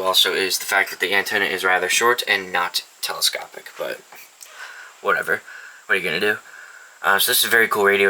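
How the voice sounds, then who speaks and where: In this low-quality camera-mic recording, a young man casually presents his weather radios in an indoor room, rambling and cursing freely. His voice sits low with a sharp tone and a little hiss or hum.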